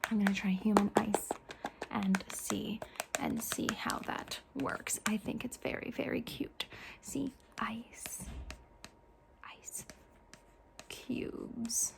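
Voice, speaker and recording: A woman's voice: mid-range voice, takes it slowly, gravelly, pauses often, rough recording. A woman voicing a playful, curious alien visitor in an ASMR roleplay, whispering and repeating trigger words over and over. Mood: whispery playful.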